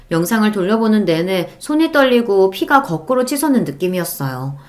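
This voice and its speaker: Woman narrating an indignant story. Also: medium pitch. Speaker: audiobook narrator. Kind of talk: scripted first-person story narration.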